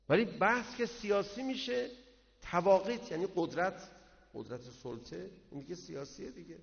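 A man preaching a sermon that moves into mourning recitation, swinging from loud declaiming to hushed murmurs. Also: a little high, gravelly. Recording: dull sound with long hall reverb.

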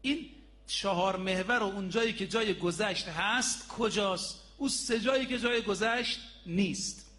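A man delivers a sermon with a high-pitched voice. His tone is bright and forceful, and he tells stories as he addresses the congregation as brothers and sisters, repeating key points for emphasis. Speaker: preacher.

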